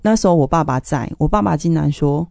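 A woman with a fairly low, dark and mellow voice shares her faith testimony in an interview. She tells it earnestly, with strong emotion running under her words. The sound is close and dry. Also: brisk, gravelly, no room sound. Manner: earnest, emotional retelling of family conflict. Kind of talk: personal testimony storytelling.

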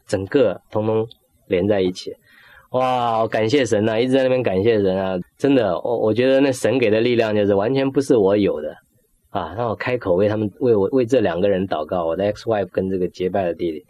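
A man's voice: fairly low pitch, brisk, warm tone, lo-fi sound. A middle-aged man giving an emotional personal faith testimony, acting out his own prayers and dropping in English words. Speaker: testimony speaker.

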